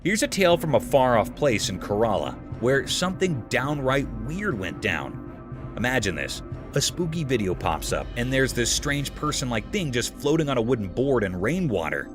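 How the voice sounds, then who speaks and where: A man's voice: mid-range voice, big pitch swings, normal speed. Chatty male narrator over music. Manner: chatty, folksy storytelling tone. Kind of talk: scripted narration. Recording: clear music bed behind.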